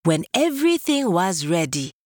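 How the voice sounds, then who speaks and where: A woman's voice: fairly low pitch, very animated, moderate pace, a little mellow, dry recording, studio quality. A woman hosting a children's story show, narrating in a playful way, like an entertainer addressing little listeners.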